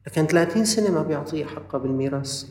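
A man with a Levantine Arabic accent preaching a sermon, moving from loud urging to quiet, earnest asides. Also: fairly high pitch, rapid-fire. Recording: roomy, distant from the mic.

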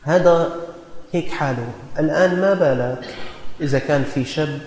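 A man with a Syrian Arabic accent preaching in a colloquial storytelling style, earnest and exhorting, slowing down to stress key lines. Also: on the high side, a little mellow. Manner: earnest, exhorting, slows for emphasis. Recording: echoey hall reverb.

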